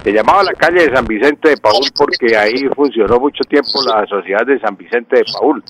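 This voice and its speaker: A man with a Santander Colombian accent who answers listeners' questions on the radio like a teacher. He speaks slowly, repeats key words and pauses on "eh" fillers. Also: medium pitch, fairly bright tone. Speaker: language and local history expert on radio. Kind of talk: radio call-in explanation.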